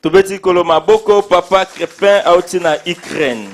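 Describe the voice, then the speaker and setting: A man's voice: high-pitched, steady tone, moderate pace. A man pastor in a church hall, welcoming visitors with rhythmic, declamatory calls and blessings.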